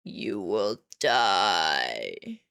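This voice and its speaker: A woman voicing a menacing game god who pronounces doom in a slow, drawn-out, ominous way. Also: very deep voice, big pitch swings, gravelly, a bit bright, clear, resonant tone, no room sound, studio quality, pitched below the performer's own voice, exaggerated voice. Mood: ominous threat. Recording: music behind the voice.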